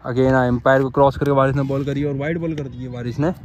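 Here the Pakistani commentator talks fast at a medium pitch over a noisy background. He narrates a street cricket match live from an outdoor dirt ground, recorded by phone, repeating excited play calls and hollering at the umpire.

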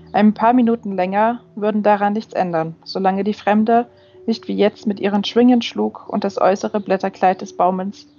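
A woman's voice: mid-range voice, warm tone. Woman reading a fantasy audiobook. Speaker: audiobook reader. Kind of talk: audiobook narration. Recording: slightly dull with faint music.

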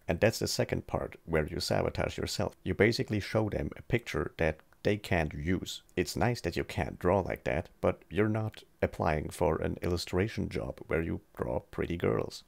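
A man's voice: low voice, creaky. A man with a sore, swollen jaw narrating a scripted art tutorial in a casual, direct manner. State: sore, swollen jaw after recent surgery. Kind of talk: scripted video essay narration.

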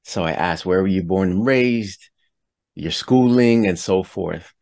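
A man's voice: sits low, unhurried, a little mellow. A man hosting a podcast interview, introducing his guest and asking questions in an earnest, friendly way. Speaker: podcast host. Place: home studio. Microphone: headset with studio mic.

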